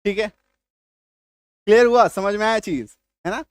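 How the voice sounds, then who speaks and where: A man teaching an English reading lesson in a classroom style, slowly drilling pronunciation and often asking if it is clear. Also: sits high, no echo, clean studio sound. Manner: keeps checking understanding with questions.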